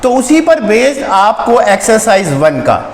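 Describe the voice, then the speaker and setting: A man's voice: high voice, very animated, measured pace. A man teaching a math lesson to young children. He speaks, repeats each term patiently, and asks questions that he answers himself. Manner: patient, asks and answers his own questions, repeats terms, calls students "beta". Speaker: school teacher. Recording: echoey room with long reverb, faint background noise.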